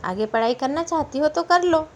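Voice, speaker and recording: Woman reading as a soft fond dad in a storybook, comforting his girl. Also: high voice, animated, moderate pace, slight background noise, voice pushed up. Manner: affectionate, reassuring. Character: loving, gentle middle-aged father.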